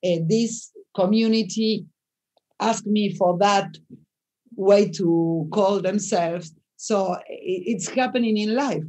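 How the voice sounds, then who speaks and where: A woman's voice: mid-range voice, slow, darkish tone. A woman from Argentina, a native Spanish speaker, speaking English in a webinar discussion over a video call and often searching for words. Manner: searching for words, frequent restarts. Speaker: panel guest writer.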